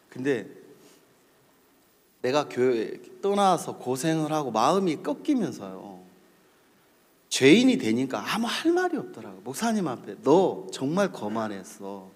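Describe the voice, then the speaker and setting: Animated man preaching in a hall. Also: fairly high pitch, normal speed, long pauses, slightly rough. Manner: animated, addresses the audience directly. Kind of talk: storytelling sermon. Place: large hall at a church camp. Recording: long hall reverb.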